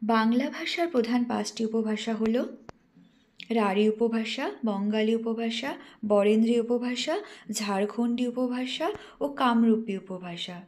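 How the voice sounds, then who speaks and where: A woman's voice: a little high, darkish tone. Woman reading out a careful lesson. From West Bengal, India. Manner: careful and didactic, slows to spell out example words. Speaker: teacher trainee presenting a lesson. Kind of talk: read-aloud lesson presentation.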